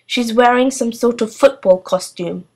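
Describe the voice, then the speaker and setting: A woman's voice: a little high, a little slow. Woman reading a tiny, strange eleven-year-old girl; posh, formal, like a little old lady. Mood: matter-of-fact.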